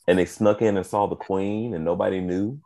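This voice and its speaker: A man co-hosting a podcast in casual chat, expressive and quick to laugh. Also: low-pitched. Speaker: podcast co-host.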